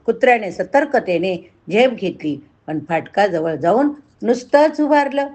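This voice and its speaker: A woman narrating a story in a measured, expressive storytelling voice. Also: medium pitch. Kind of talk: dramatic story reading.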